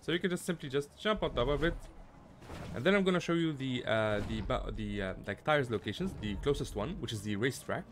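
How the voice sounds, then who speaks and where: Lively young man walking through a game. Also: medium pitch, brisk, noisy background. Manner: chatty, lots of fillers, addresses viewers as guys. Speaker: gaming guide creator. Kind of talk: casual game walkthrough commentary.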